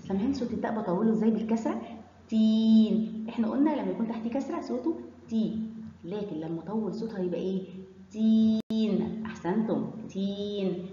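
A woman's voice: medium pitch, lively intonation, warm tone. Egyptian woman teacher, sing-song, echoey hall. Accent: Egyptian Arabic. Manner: sing-song, drawn-out sounding of syllables. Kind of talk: children's letter lesson. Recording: echoey hall, dull lo-fi sound.

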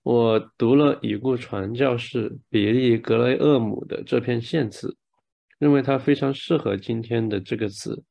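Gravelly man interpreting live. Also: mid-range voice, normal speed, warm tone. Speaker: live interpreter and session moderator. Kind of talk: live consecutive interpretation, phrase by phrase.

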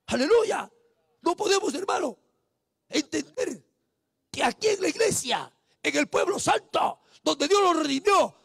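A Peruvian man preaches a fiery evangelistic sermon, shouting in a very high, gravelly voice and breaking in with praise over and over. The sound is dry and close, with no room echo. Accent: Peruvian Spanish. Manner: shouting, repetitive exclamations of praise. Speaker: street preacher.

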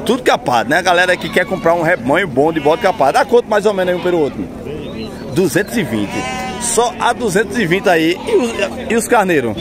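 High-voiced man vlogging. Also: very animated, fairly quick. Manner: chatty, upbeat, asks prices and repeats them. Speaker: vlogger touring a livestock market. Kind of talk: casual walk-around vlog with interviews. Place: crowded outdoor goat market. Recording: loud market crowd behind.

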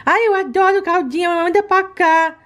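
[name], a woman doing a high greedy baby doll. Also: fairly quick, a bit bright. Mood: pleading. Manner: cheeky, pleading, talkative.

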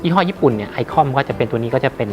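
A man giving an informal product demonstration as a seller, haltingly, with many repeats and hesitations. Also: medium pitch, animated, music in the background. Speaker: radio equipment seller.

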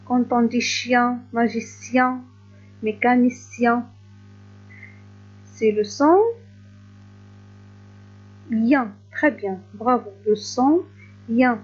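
A woman teaching a recorded reading lesson to young pupils, stretching each word slowly and clearly with patient encouragement. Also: on the high side, fairly even intonation, muffled recording, faint music behind. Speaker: primary school teacher.

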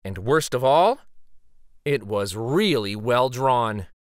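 A man reading a children's picture book aloud as dramatic, suspenseful narration, with theatrical pauses and emphasis. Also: medium pitch, animated, no echo, studio quality.

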